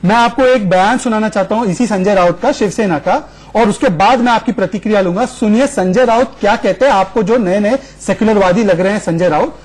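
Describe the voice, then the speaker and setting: A man's voice: high-pitched, a little fast, a little mellow. Pressing male debate anchor. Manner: pressing, repeatedly cuts in on guests. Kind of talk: news debate moderation.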